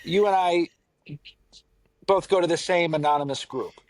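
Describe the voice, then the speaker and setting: A man's voice: a little high, moderate pace, no room sound. A man from the Pacific Northwest co-hosting a casual chat, rambling and self-mocking, often trailing off and restarting. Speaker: podcast co-host.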